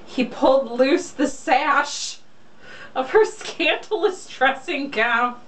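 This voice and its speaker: A young woman reads a romance novel aloud casually, mocking it irreverently, in a high, fairly bright voice at a slow pace. The recording sounds echoey, with a distant mic and faint noise.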